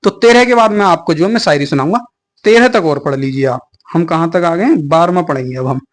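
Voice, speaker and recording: A man with a fairly high voice teaching an online exam class. He explains patiently and casually, with many small fillers and friendly asides to his students. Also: fairly quick.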